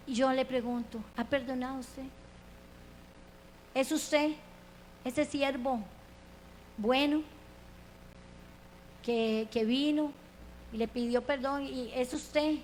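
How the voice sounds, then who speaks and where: Woman preacher, high voice, gets worked up acting out the story, asks the crowd straight questions, faint hum. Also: rough recording. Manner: impassioned, acts out quoted characters with rising pitch; asks the congregation direct questions. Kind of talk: sermon.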